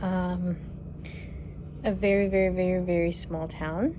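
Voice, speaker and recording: A woman's voice: lowish voice, unhurried. Twenty-something woman doing a casual q&a vlog on her phone at home, easygoing and rambly, noisy background hiss. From Kentucky. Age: 20s. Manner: relaxed, chatty, thinking aloud with fillers. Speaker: vlogger. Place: her apartment, indoors. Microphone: phone camera.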